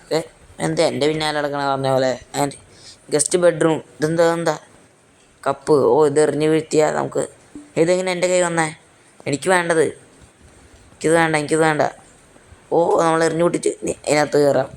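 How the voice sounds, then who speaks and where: A man's voice: fairly high pitch, fairly even intonation, fairly quick, long pauses, smooth. A young man giving casual, joking gameplay commentary, mixing in English fillers. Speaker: gaming YouTuber.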